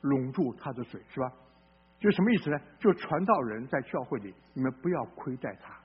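Big pitch swings mark this pastor's brisk, slightly rough delivery as he preaches a down-to-earth, blunt sermon. He puts questions to the listeners and moves between shouting and murmuring, in a muffled recording.

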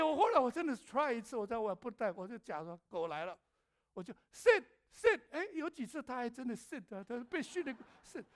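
A middle-aged male pastor preaching a sermon, telling personal stories with animation, acting out his own shouts and asking the congregation questions. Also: very high-pitched.

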